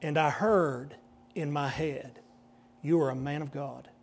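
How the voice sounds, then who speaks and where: Animated pastor in his fifties. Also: fairly high pitch, unhurried, vocal fry, husky. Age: 50s. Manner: animated storyteller, voices the people in his story. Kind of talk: storytelling sermon.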